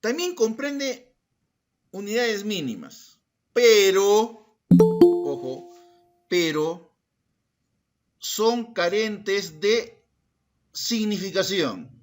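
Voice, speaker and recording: A middle-aged man teaches a secondary school class in a lively, up-and-down voice that sits a little high for a man. He speaks slowly and deliberately, calls on students by name, and answers his own rhetorical questions. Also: soft background music.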